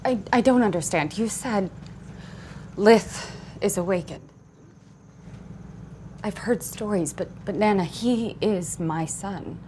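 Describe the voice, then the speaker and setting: A woman's voice: medium pitch, takes it slowly, pauses often, darkish tone, slight background noise, close to an everyday voice. A woman playing an anxious, loving mother who pleads for help in an audio drama. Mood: worried.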